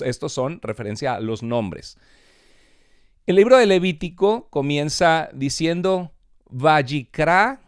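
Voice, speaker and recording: A man teaching a seminary Bible class, explaining patiently and reading out Hebrew and Greek words slowly. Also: mid-range voice, clear, resonant tone, dry recording, studio quality.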